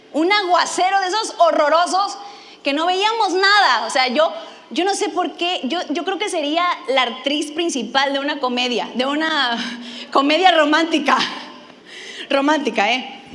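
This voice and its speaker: High-voiced lively woman preacher. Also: a little hiss or hum. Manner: animated, self-mocking, acts out her own quotes. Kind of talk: humorous sermon storytelling.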